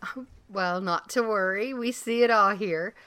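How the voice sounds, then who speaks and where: A woman's voice: medium pitch, measured pace, pushed and bright, smooth, dry recording. A woman playing a cheerful, unflappable school receptionist who talks in a chirpy, friendly way.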